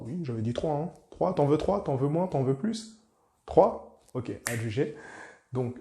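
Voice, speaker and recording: A man's voice: medium pitch, warm tone, roomy sound. A man talking as a life coach, chatty and direct, speaking to the viewer familiarly and often repeating himself. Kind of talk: casual motivational talk to camera.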